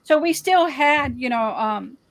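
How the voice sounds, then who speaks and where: Higher-voiced woman in casual conversation. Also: expressive, measured pace, no room sound, rough recording. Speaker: guest.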